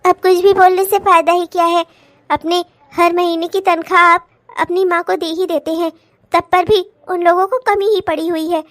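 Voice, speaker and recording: A woman's voice: extremely high pitch, fairly bright tone, dry recording. A woman voicing a fed-up young working wife who scolds sharply in a cartoon comedy. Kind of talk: cartoon voice acting.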